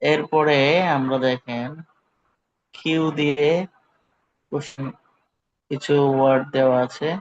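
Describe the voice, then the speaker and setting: Slow, patient male English teacher. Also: medium pitch, flat delivery, no room sound. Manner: slow, patient, repeats words for students. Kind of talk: online class pronunciation drill. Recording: dull lo-fi online call audio.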